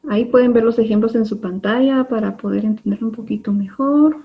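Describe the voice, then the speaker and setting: Female teacher, patient and methodical, filler-heavy, slightly high voice, muffled video-call sound. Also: fairly quick. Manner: patient, explains step by step with many fillers. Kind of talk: online class lesson. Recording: dull lo-fi online class audio.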